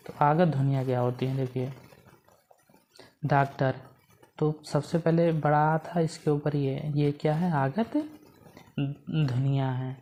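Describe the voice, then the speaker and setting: A woman's voice: sits low, steady tone, a little slow, long pauses, dark tone, a little hiss or hum. A woman teacher giving an exam-prep grammar lesson, asking questions and answering them herself and repeating key points to memorize.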